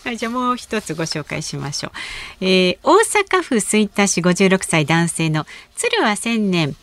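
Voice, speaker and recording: A woman co-hosting a radio show in a studio, reading listener messages in a clear, polite announcer manner. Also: mid-range voice, expressive, moderate pace. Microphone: studio microphone.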